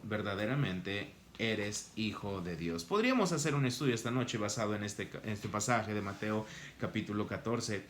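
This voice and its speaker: Echoey Spanish-speaking preacher reading scripture. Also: male voice, slight background noise. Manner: reads scripture slowly, then rises in pitch and energy to act out the passage. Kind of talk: sermon streamed to home.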